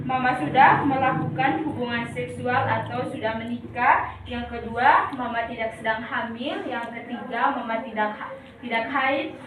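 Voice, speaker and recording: A woman explaining a clinical procedure step by step as a midwife, in a polite, formal customer-service manner. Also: a little high. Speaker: midwife demonstrating a patient examination. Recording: echoey room, distant mic, clear background noise.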